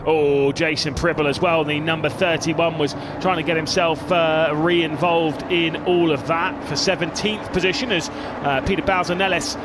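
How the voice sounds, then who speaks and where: A man giving live motorsport race commentary in an excited, dramatic delivery over racing noise. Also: fairly high pitch, moderate pace. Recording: clear outdoor engine and ambience noise.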